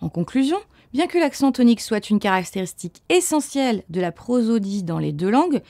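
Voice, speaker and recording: Woman teacher, clear didactic delivery, mellow, lively intonation. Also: fairly high pitch, brisk, dry recording, clean studio sound. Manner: clear, didactic, reads English example words aloud. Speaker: language teacher. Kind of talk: scripted lesson narration.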